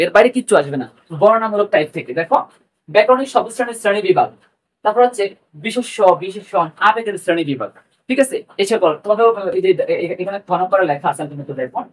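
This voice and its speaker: A man with a Bangladeshi accent teaching an exam prep lesson, repeating key points and mixing in English words. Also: high-pitched. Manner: rapid, repetitive, mixes English words.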